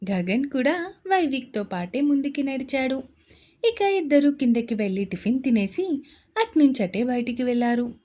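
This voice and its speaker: A woman narrating a serialized romance story in a steady, expressive way. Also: sits high, normal speed.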